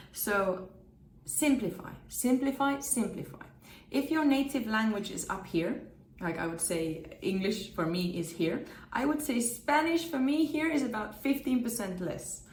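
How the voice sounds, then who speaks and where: In an echoey room, an upbeat Finnish woman with a medium-pitched voice presents a direct-to-camera tips video. A presenter and communication trainer whose native language is Finnish, she drives points home through emphatic repetition.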